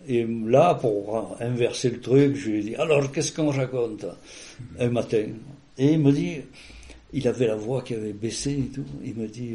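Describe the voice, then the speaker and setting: A man with a warm, mellow voice speaks in a casual, conversational way, as if sharing memories with an interviewer. His speech rambles, full of fillers and restarts. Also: medium pitch. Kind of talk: casual personal storytelling.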